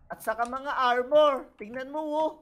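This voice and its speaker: A woman's voice: sits high, a little slow. A woman, encouraging her friend while they play a game together. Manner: encouraging, upbeat, laughs often. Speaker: co-host gamer. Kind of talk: playful game commentary.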